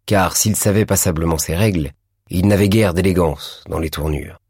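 A man reads a classic novel aloud in a measured, deliberate way. His voice is very low with a husky edge. The recording is dry and close. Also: a little mellow, dry recording. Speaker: audiobook narrator. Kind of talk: scripted narration of a classic novel.

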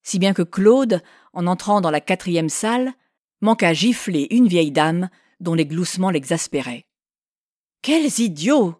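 A woman narrating a classic novel in a measured, expressive reading. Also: on the low side, dry recording, clean studio sound. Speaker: audiobook narrator.

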